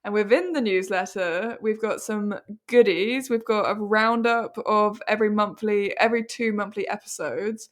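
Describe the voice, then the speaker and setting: A woman's voice: medium pitch, steady tone, moderate pace, hardly any pauses. A young British woman co-hosting a podcast, chatting casually and rambling with frequent laughter. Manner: giggly, rambling, often laughs mid-sentence. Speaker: podcast co-host. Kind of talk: casual chat.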